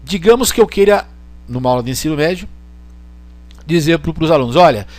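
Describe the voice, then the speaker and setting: A man's voice: a little high, expressive, brisk, a little mellow, dry recording. A man from Brazil giving a casual online lecture with a screen demo, chatty and joking, often checking in with the listener.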